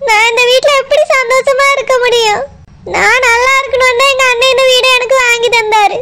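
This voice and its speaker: A woman's voice: very high voice, steady tone, normal speed, a bit bright. A woman voicing a young village wife who is crying, with a Tirunelveli Tamil accent. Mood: tearful.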